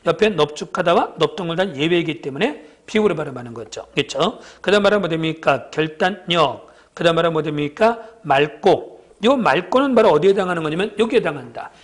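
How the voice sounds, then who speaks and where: A man with a fairly high voice works through an exam review lecture at a steady clip. He keeps tossing quick questions at the class and answering them himself. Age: middle-aged. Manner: asks constant rhetorical check-ins.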